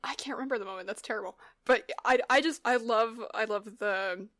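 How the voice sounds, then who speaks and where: A woman's voice: fairly high pitch, a little fast, fairly bright tone. A woman co-hosting a podcast, chatting casually and hesitantly, with many fillers and restarts. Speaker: podcast co-host. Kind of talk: casual chat.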